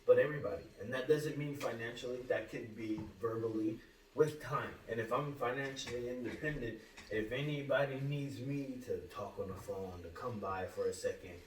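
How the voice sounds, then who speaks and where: A man in his thirties hosting a podcast, talking earnestly in casual chat with halting restarts. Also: mid-range voice. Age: 30s. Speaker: podcast host. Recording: roomy, distant mic with faint hum.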